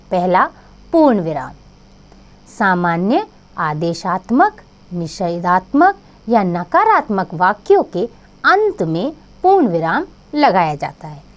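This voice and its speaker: A woman teacher explaining a grammar lesson to children, speaking slowly and clearly. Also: medium pitch.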